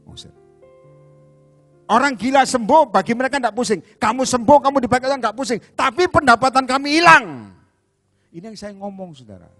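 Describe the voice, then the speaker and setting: A high-voiced evangelist preacher delivers a lively sermon at a church service. He is animated, acting out the voices of demons and Jesus and calling for amens.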